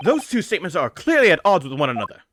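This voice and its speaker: A game player as an earnest, animated young lawyer. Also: medium pitch, very fast, background noise. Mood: assertive. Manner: formal, declarative, polite. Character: earnest young male defence lawyer in Victorian courtroom, polite, firm. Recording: game music behind the voice.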